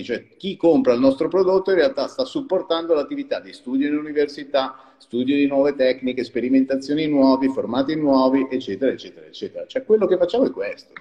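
A man's voice: medium pitch, big-room sound, dull audio. A man, founder of a small wine company, explaining his business in a chatty live-stream interview and laughing often. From Liguria.

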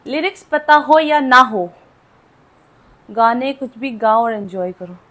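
A woman's voice: a little high, animated, slow, fairly bright tone. A young woman vlogging casually from her small room at home, chatting to viewers and mixing English words into her speech. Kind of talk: casual vlog chat.

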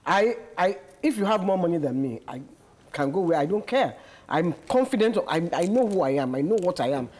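A woman's voice: fairly low pitch, expressive, a little fast, darkish tone. A middle-aged woman, a panel guest telling stories emphatically and laughing often. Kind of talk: casual panel discussion. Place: TV studio set.

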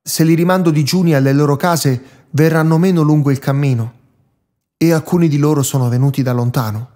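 A man's voice: on the high side, brisk, mellow, close to an everyday voice. A man reading the words of Jesus as a grave, patient teacher in a solemn, admonishing Bible reading. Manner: solemn, admonishing, rising in reproach.

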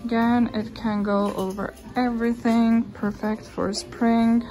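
A young woman talks through a try-on haul in a relaxed, unhurried, chatty way, gushing about the pieces she likes. She is filmed on a phone held at arm's length in a fitting room. Clear music plays under her voice. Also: fairly high pitch. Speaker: fashion vlogger. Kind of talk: casual try-on haul narration.

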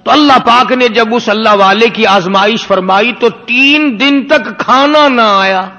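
A male preacher telling a moral story in an impassioned sermon, with rhetorical questions and drawn-out emphasis. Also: very high voice, sharp tone, muffled recording. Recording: long hall reverb.

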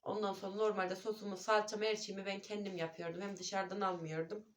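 A woman's voice: mid-range voice, level tone, a little fast, crowd noise. A woman and mother chatting casually to her viewers at home on a phone camera, calling them her dear friends. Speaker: vlogger and mother. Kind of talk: casual home vlog chat. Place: at home indoors.

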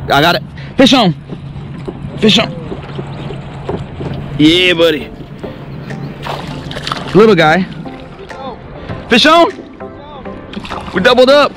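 Speaking slowly with frequent pauses, a young man with a high-sitting, very animated voice talks over music. He's a fishing vlogger in a kayak on an open lake, shooting on an action camera, chatting casually and hollering when fish bite.

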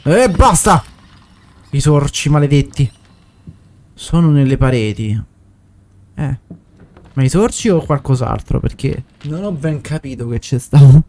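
A man commentating a horror game, swearing and yelling in fright. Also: mid-range voice, a little slow, long pauses, slight background noise. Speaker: gameplay streamer. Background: game music.

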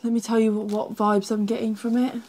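A woman's voice: on the high side, little pitch movement, a little fast, darkish tone. A playful woman co-hosting a football shirt unboxing and teasing her partner. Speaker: co-host. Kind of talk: casual unboxing chat.

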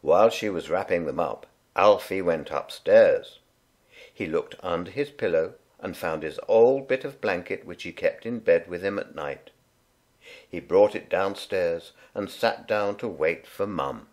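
A man reading a children's picture book aloud in a gentle, unhurried, expressive way. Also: low voice. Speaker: storyteller. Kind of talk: read-aloud children's story.

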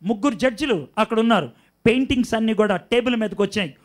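A man with a Telugu accent preaching a sermon, moving between hushed, intimate lines and shouted, dramatic ones. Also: sits high, animated, quick pace.

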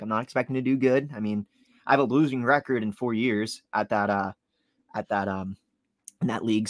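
A man's voice: mid-range voice, fairly bright tone, no room sound. A young man in his twenties co-hosting a sports podcast, rambling easygoing chat full of "like" and "you know". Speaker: podcast co-host.

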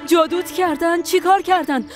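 An actress dubbing a scandalized middle-aged mother who scolds her son in a reproachful, indignant way. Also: extremely high pitch. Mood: accusing. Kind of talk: Persian dub of a TV drama. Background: music score.

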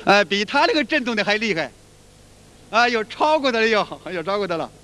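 Very animated and fairly quick, a man with a high, pushed, bright voice lectures colloquially on qigong. He repeats himself in a folksy way and demonstrates chants by singing them, and the audio has a long reverb as if in a hall.

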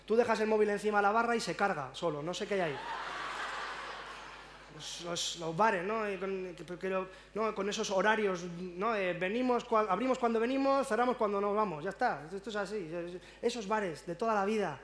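A man's voice: high-pitched, brisk, fairly bright tone. A man from La Rioja performing a stand-up monologue on stage, with stammered restarts, acting out characters in a raised voice. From La Rioja, Spain. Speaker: stand-up comedian. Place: stage at a public event.

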